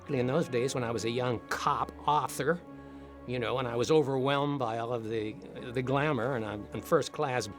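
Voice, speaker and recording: An older man, once a police officer and now an author, reflects on a classic film in a relaxed, conversational way. His voice sits at an ordinary middle pitch. Soft music plays faintly beneath him. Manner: warm-hearted, reminiscing, conversational. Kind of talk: reflective interview commentary.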